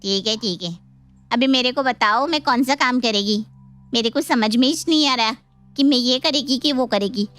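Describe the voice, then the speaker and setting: A woman's voice: on the high side, moderate pace, fairly bright tone, clean tone, soft background music, natural voice. A woman voicing a brash, touchy housemaid with speech who demands respect, in a cartoon story. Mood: blunt. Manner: blunt, streetwise, bossy. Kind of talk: cartoon voice acting.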